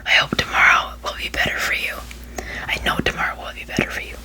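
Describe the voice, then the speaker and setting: Fast rambling ASMR whisperer. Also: rough recording. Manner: rambling, repeats short phrases over and over. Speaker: ASMR video creator.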